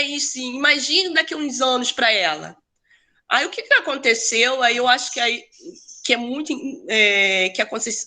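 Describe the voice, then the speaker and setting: Speaking on the high side with a pushed, bright quality, a Brazilian educator and researcher recounts something from her own life in an informal talk. She keeps it conversational, with frequent tag questions and restarts.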